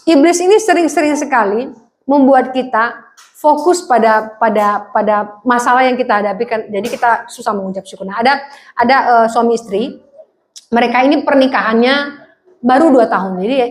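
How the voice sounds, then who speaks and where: Female pastor, slightly high voice, lively sermon storytelling with acted-out quotes, echoey hall. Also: normal speed. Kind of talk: sermon with humorous anecdote. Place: church hall.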